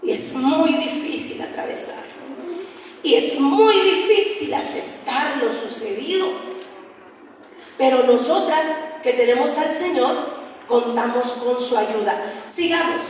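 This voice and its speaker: High-voiced woman preaching in a hall. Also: expressive, slow, slight background noise. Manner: earnest, has listeners read along. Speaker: preacher and singer. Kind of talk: sermon to a women's group. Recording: echoey hall, distant mic, faint ambience.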